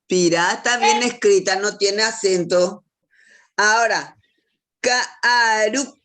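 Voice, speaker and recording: A woman's voice: medium pitch, measured pace, a bit bright. A woman teaching a language class, quizzing pupils and praising their answers. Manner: asks questions and praises answers. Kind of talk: classroom instruction.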